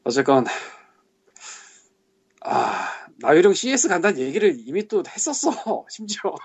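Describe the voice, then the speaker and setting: His voice sits high and is very animated but unhurried, with a slightly rough edge. He's a podcast co-host and game translator venting on a casual show, grumbling in exasperation and cursing under his breath, recorded in lo-fi audio.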